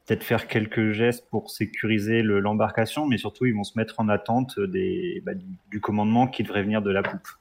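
Gravelly, lowish-voiced male game player. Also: steady tone, fairly quick, few pauses. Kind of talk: casual in-game description.

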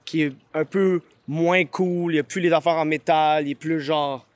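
Slangy young Quebec man, fairly high voice. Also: fairly even intonation, dry recording. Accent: Quebec French. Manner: slangy, laughing, quick storytelling. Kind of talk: casual podcast chat.

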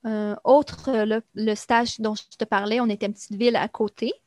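A young adult woman, explaining things in a relaxed conversation, chatty and full of fillers. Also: on the high side, moderate pace, no room sound. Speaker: guest recounting life in Brazil. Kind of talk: casual conversation.

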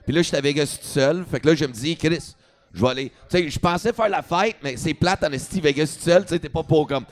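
A man's voice: fairly high pitch, quick pace. A man comedian with a Quebec French accent telling a story in a casual talk, switching into English and swearing freely.

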